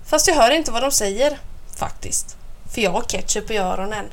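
A woman's voice: a little high, animated. A woman reading a children's story aloud in a playful first-person voice.

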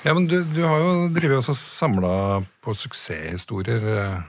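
A man hosting a podcast, asking questions in a relaxed, casual way. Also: mid-range voice, slight background noise. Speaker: podcast host. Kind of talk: podcast interview.

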